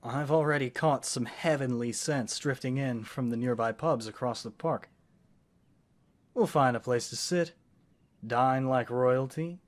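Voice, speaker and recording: Affectionate and cheerful, a man plays the scholarly wizard boyfriend in a fantasy audio roleplay. His natural, mid-pitched voice moves at a measured pace through gentle, courtly phrases, delivered intimately as if to a beloved companion.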